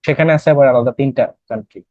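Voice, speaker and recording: A man's voice: medium pitch, very fast, dark tone, dry recording, highs cut off. A young man with a Bangladeshi accent teaching an English class for admission tests, explaining in Bengali with English terms and quizzing students. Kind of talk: classroom lecture.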